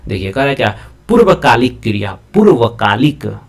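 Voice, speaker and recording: A man's voice: medium pitch, big pitch swings, normal speed. Male teacher quizzing his class. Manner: asks the class rhetorical check questions, repeats terms. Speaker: Hindi grammar teacher. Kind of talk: classroom-style lesson.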